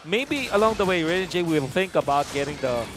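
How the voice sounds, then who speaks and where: A man's voice: a little high, expressive, a little fast, background noise. A man working as an esports caster and analyst, explaining the game in a conversational way.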